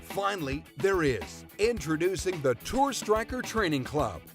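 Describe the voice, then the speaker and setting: Hard sell infomercial announcer guy, high pitched and swoopy, music playing behind him. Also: sing-song, unhurried. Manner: emphatic sales pitch. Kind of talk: hard-sell ad voice-over, scripted. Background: prominent music.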